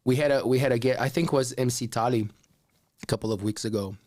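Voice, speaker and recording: A man's voice: medium pitch, fast, darkish tone, no room sound, studio quality. A man hosting a casual podcast interview, asking loose, hesitant questions full of fillers. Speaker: podcast host.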